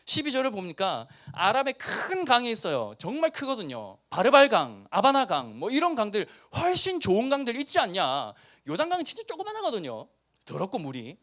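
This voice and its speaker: A middle-aged pastor from Busan, speaking with a Busan dialect and preaching a lively youth sermon that acts out the story's characters. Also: male voice, high-pitched, normal speed, hardly any pauses. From Busan, South Korea. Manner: animated storytelling, acting out characters.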